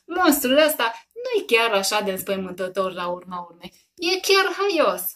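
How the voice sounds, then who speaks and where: A woman voicing a small, scared but brave boy in a storybook reading, eager and excited. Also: mid-range voice. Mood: giggly.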